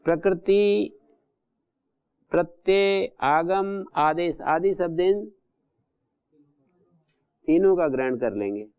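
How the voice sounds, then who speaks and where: Gravelly-voiced man teaching Sanskrit grammar. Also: a little high, dark tone, dull audio. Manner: methodical, repeats and glosses each term. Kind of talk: classroom lecture explaining grammar rules.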